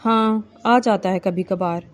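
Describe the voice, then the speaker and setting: A woman's voice: mid-range voice, natural voice. A woman voicing a caring, weary older village mother in a novel reading, affectionate and resigned.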